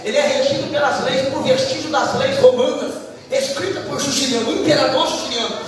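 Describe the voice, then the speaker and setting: A man from Brazil preaching a fervent sermon in a church, his voice climbing into high shouts. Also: fairly even intonation, brisk, a crowd in the background. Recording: echoey hall, distant mic, music behind.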